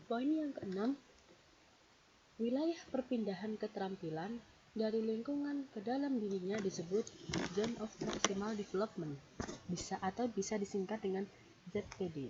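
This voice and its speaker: A woman presents a read-out lecture in a warm, mellow voice, steadily numbering each point as she explains. The recording is dull and lo-fi, with a faint hiss underneath. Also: medium pitch, normal speed. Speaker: presenter explaining a psychology theory.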